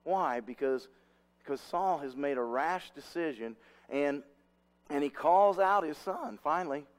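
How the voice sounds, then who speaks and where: Conversational male preacher, high-pitched. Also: unhurried. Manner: conversational, rambling, many restarts. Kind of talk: sermon with personal stories.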